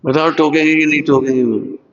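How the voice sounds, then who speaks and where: A man giving a religious discourse to students, animated and asking his listeners one rhetorical question after another, sometimes acting out other people's voices. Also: a little high, brisk. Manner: acts out everyday quarrels in other voices. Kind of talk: Hindi sermon to students. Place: large lecture hall at a school. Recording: long hall reverb, dull lo-fi sound.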